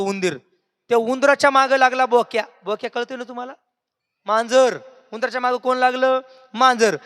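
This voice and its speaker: High, bright-voiced preacher. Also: male voice. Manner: questioning the audience, singsong. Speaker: kirtan preacher. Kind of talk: devotional sermon with call-and-response. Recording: echoey hall reverb.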